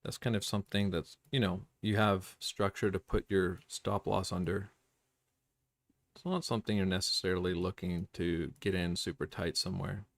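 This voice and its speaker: Hosting a trading livestream, a man with a low, gravelly voice and level tone thinks aloud over his charts in casual commentary. He rambles, circles back and fills pauses with ums. The sound is close and dry, with no echo or room around it.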